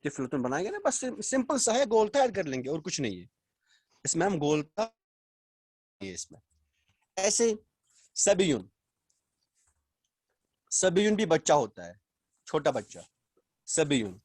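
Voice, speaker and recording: A man teaching a language class over a video call, explaining slowly, repeating words and quizzing his students. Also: fairly high pitch, big pitch swings, a little mellow, no room sound, clean studio sound. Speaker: Arabic teacher. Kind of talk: online class lecture.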